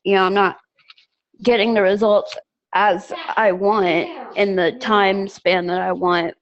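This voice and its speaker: A young woman on a video call, speaking in an emotional, casual way with lots of filler words. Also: lowish voice. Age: young adult. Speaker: team member. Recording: muffled lo-fi call audio.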